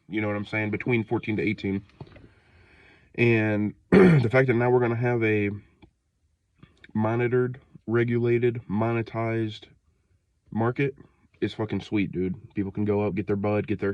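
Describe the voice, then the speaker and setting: Young man, twenties, sick and short of breath, low voice, slangy rambling rant, dry slightly dull recording. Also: no echo. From Ohio, United States. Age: 20s. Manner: rambling, loose, slangy, many fillers and restarts. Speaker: vlogger. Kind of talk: casual rant to camera. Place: outdoors in freezing cold.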